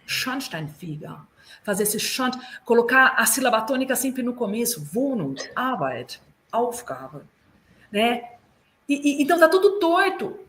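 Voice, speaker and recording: A Brazilian woman who works as a consultant and German teacher gives lively, explanatory advice over a video call, sounding out German words to show their pronunciation. Her voice is high-pitched, her pace moderate, and her Brazilian Portuguese accent is clear, with slight background noise.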